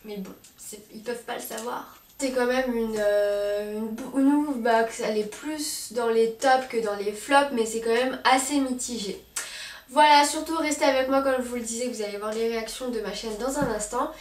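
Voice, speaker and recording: A woman's voice: fairly high pitch, steady tone, normal speed. A woman vlogger chatting casually through a dog box unboxing, hesitant, with many fillers and restarts. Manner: speaks affectionately to her dog. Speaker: pet vlogger reviewing a dog subscription box. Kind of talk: casual unboxing chat to camera. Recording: roomy echo, mic at a distance, faint noise.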